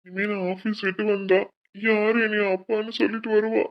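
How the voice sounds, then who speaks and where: A gentle, choked-up father speaks softly in a cartoon, voiced by a woman. His voice sits in an ordinary middle range. He sounds tender and sad. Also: mid-range voice, little pitch movement, brisk, muffled recording, lightly acted. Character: tearful middle-aged father seeing off daughter. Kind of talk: cartoon voice acting.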